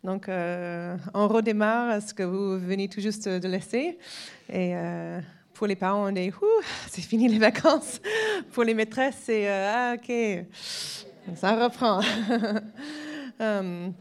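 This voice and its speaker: Her medium-pitched voice has a clean tone as she shares a personal testimony in French at a church weekend. She's a woman in her forties from the United States whose first language is English, speaking with an American accent, halting often, hesitating a lot and laughing lightly.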